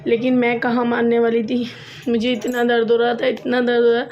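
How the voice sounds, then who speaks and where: A woman's voice: a little high, monotone, fairly quick, darkish tone, lo-fi sound. Chatty young woman recounting a story. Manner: chatty, repeats phrases for emphasis, laughs at herself. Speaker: vlogger. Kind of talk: casual storytelling to camera.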